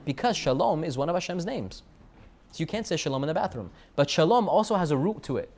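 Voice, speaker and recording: An American man teaching a Torah lesson in a sermon style, animated and full of rhetorical questions. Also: on the high side, fast talker. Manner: animated, rhetorical questions, sprinkles Hebrew and Yiddish terms.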